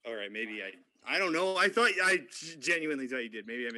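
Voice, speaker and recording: A man's voice: mid-range voice, animated, fairly quick, sharp tone, no room sound, studio quality. A man co-hosting a casual podcast, heckling and joking with childish comebacks. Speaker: podcast co-host.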